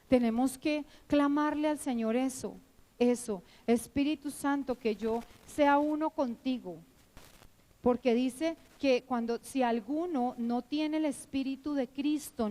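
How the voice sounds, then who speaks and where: A middle-aged woman preaching at church, telling her own testimony in an emotional, animated way with many fillers. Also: fairly high pitch, rough recording. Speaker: church teacher. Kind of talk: sermon with personal testimony.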